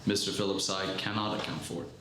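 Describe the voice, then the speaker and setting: A man playing a learned, skeptical 1930s astronomy professor in a radio play, measured, precise and scholarly. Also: low-pitched, level tone, crowd noise, lightly acted. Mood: dismissive, certain. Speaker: actor. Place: live theatre stage. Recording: very echoey, noisy live stage recording.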